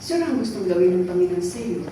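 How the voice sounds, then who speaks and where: A woman's voice: lowish voice, lively intonation, fast talker, dark tone, slight background noise. A Filipino woman preaching a sermon, often checking in with the congregation by asking "okay?" and "right?". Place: church hall. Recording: echoey hall recorded from far off.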